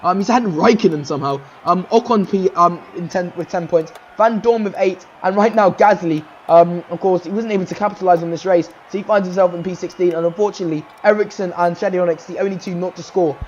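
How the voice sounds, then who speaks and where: A man with a notably high voice calls race results in an excitable, rambling way, full of "um"s as he works through the standings. The recording sounds slightly muffled, with a faint hiss behind him. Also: quick pace, few pauses. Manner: excitable, rambling, frequent "um" fillers. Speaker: race commentator and series host. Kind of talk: casual sim-racing commentary.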